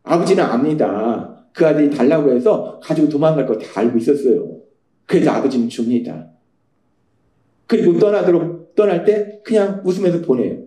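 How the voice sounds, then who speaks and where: A pastor delivers an animated sermon, often putting rhetorical questions to the congregation. His voice sits high for a man but sounds mellow and dark in tone. The sound echoes through the church sanctuary. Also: moderate pace.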